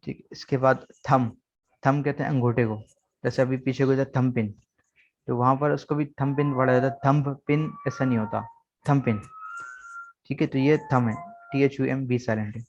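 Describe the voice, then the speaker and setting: A man's voice: mid-range voice, little pitch movement, normal speed, darkish tone. A man who teaches English in an online class, patiently spelling words letter by letter and repeating them. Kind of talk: online lesson. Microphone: video call. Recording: slightly dull video-call audio.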